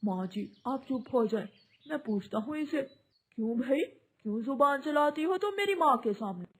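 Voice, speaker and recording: A woman's voice: high voice, lively intonation, moderate pace. A woman voicing a stern young male sparrow in a cartoon, a husband who sides with his mother. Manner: stern and reproachful.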